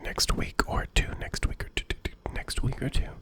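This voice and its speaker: An adult ASMR creator whispering softly and affectionately to viewers, repeating words over and over. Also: a little fast. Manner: soft and affectionate. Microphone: close microphone.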